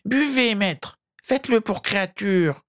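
A woman voicing an old male house-elf servant, anxious and devoted, with a creaky, grating voice who refers to himself in the third person and pleads with his master. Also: medium pitch, lively intonation, measured pace, fairly bright tone. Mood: pleading. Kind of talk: amateur audiobook character voice.

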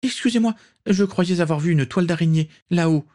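An eager, clumsy young witch who stammers in excitement, as a man puts her on. The voice jumps high above the reader's own in this audiobook. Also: a little fast, lightly acted. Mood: excitable.

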